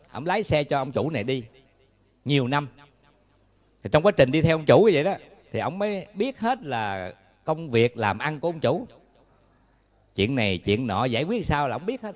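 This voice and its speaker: A Buddhist monk with a Southern Vietnamese accent gives a dharma talk, telling folksy, humorous stories. His voice sits somewhat high for a man, and he often turns to ask the listeners questions.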